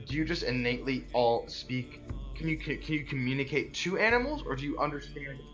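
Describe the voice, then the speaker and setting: Male game master, medium pitch, casual and hesitant tabletop rulings, soft music underneath. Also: lively intonation, a little fast.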